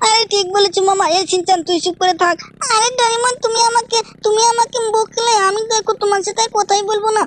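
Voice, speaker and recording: A woman's voice: very high-pitched, steady tone, a little hiss or hum, pitched above the performer's own voice. Woman doing Shinchan, a whiny cartoon boy. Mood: pleading. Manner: fast pleading, ends lines with "mama". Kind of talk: game role-play commentary.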